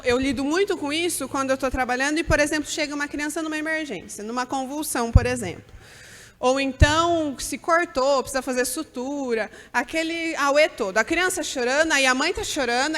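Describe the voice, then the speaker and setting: A woman's voice: high-pitched, a bit bright, in a large hall. A woman giving an earnest, direct church talk to mothers. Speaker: church speaker at a mothers' gathering.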